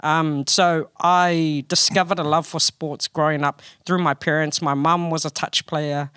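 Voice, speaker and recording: New Zealand man, thirties, bright tone, laughs often, casual podcast chat, dry studio sound. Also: on the high side, a little slow, smooth, dry recording. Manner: laughs often, relaxed storytelling with fillers. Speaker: guest co-host.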